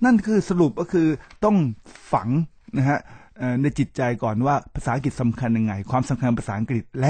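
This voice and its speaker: A middle-aged man hosts a spoken talk show, lecturing his listeners in a preachy tone and speaking to them directly again and again. His voice is dark and a little husky, a touch higher than most men's. It is recorded close and dry with no room sound. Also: no echo. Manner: preachy, repeats address to listeners, spells out English terms. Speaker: podcast host.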